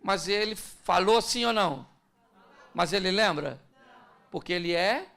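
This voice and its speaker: A man's voice: high-pitched, measured pace, vocal fry, a bit bright. A male pastor preaching a conversational sermon to couples, joking and acting out little scenes.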